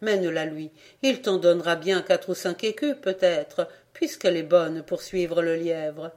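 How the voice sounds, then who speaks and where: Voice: mid-range voice, a little slow, a little mellow, close to an everyday voice. A reader voicing a worried peasant mother. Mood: pleading.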